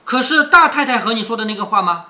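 A man voicing a proud young maid who answers with sharp, scornful retorts, read aloud from a classic novel. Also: very high-pitched, expressive, fast, full character voice. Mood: cool. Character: proud, furious young maid refusing a match. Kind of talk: storybook reading aloud.

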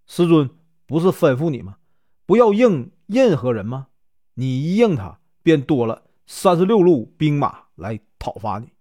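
A wise, elderly male immortal scolds a gullible disciple, as a man acts him out. His voice is lively and a touch high. It sounds dry and close to the mic. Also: moderate pace, no echo. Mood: chiding. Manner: chiding.

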